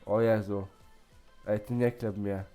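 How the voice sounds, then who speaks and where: Teasing young man gaming, mellow voice. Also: lowish voice, level tone, slow pace, faint music behind. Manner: teasing, joking, playfully mocking. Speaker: gaming YouTuber. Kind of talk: casual gaming chat, pranking another player.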